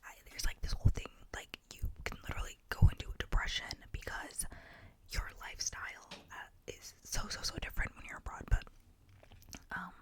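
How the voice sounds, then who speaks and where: A woman in her early twenties with an American accent gives a casual, meandering whispered ASMR ramble very close to the microphone. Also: fairly quick. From Boston, New England, United States. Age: early 20s. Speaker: ASMR video creator.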